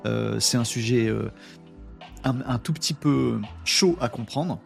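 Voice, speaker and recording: A man's voice: medium pitch, a little slow, vocal fry, faint music behind. A man hosting a live stream, chatting loosely with many fillers and reading out viewer comments. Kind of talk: casual live stream chat.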